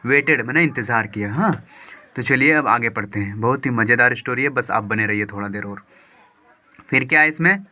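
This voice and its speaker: A man with a very bright, sharp tone teaches from a storybook. He reads each line slowly and carefully, then switches to quick, animated Hindi explanation. His voice sits at an ordinary male pitch. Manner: slow deliberate reading of English lines, then quick lively Hindi explanation. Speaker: English teacher.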